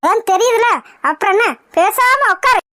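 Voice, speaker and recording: A woman voicing a sharp-tongued old grandmother in a cartoon comedy, shrill and nagging. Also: moderate pace, no echo, studio quality. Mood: scolding. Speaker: cartoon voice actor.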